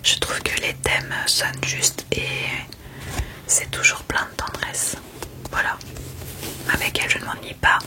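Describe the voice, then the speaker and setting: A woman speaking in a hushed, unvoiced library whisper, chatting about books in an ASMR style. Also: measured pace, long pauses. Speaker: ASMR creator reviewing books. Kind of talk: whispered ASMR book chat.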